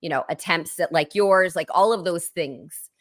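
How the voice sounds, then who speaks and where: A woman's voice: lowish voice, moderate pace. A woman hosting a casual interview who speaks familiarly and openly about her own life. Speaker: host.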